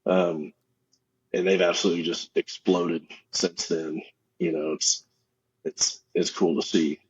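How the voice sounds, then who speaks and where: A man guesting on a podcast as a festival co-owner, talking in a relaxed, easygoing way with lots of "you know". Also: low voice, a little slow, breathy edge, dull audio. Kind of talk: casual interview chat.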